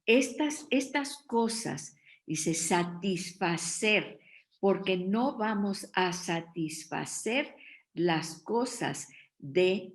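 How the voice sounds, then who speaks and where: A woman teaching a Bible study in an earnest tone, often pausing to check in with her listeners. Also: fairly low pitch, vocal fry.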